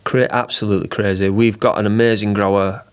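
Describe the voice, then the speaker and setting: Brief: middle-aged Yorkshire man, low-pitched, eager and chatty, talks in bursts of emphasis. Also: little pitch movement, a little fast, smooth. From England. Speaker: marketing director, podcast guest. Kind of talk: enthusiastic interview chat.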